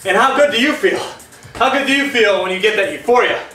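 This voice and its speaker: Breathless, bright-voiced fitness coach man. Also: high voice, fast talker. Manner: energetic, encouraging, counting out moves. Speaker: fitness instructor. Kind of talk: coaching a home workout. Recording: echoey room from far off, music behind.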